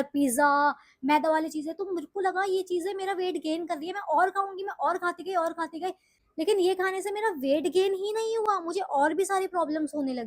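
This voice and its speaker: A young woman vlogger from the hills of Uttarakhand in northern India tells her story to camera in a chatty, confessional way. Her voice sits high. The recording is dry, with clean studio sound.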